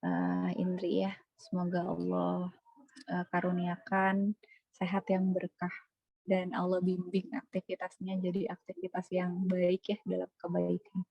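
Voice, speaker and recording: A woman hosts a casual religious talk session, chatty and warm, sprinkling Arabic praise phrases and soft laughs. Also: fairly low pitch, completely flat delivery, a little slow, vocal fry, no echo, muffled recording. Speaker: host of an Islamic talk session.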